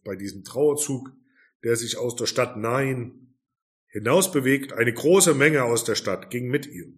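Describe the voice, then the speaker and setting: Earnest German-speaking male preacher. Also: medium pitch. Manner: earnest, emphatic preaching with rhetorical questions. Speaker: pastor. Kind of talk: sermon.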